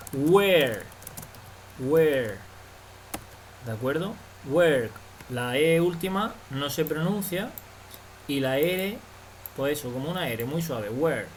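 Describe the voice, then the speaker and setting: A man's voice: mid-range voice, slight background noise, poor audio. A man teaching a language lesson, explaining patiently and checking understanding again and again. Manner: slow, patient explaining with frequent "vale?" checks.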